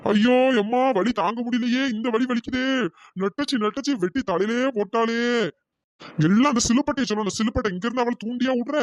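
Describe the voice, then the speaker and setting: A man's voice: extremely high pitch, quick pace, dry recording, muffled recording. Voiced as a grumbling, tied-up cartoon man. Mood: pained. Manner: muttering, moaning complaints. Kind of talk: cartoon voice acting.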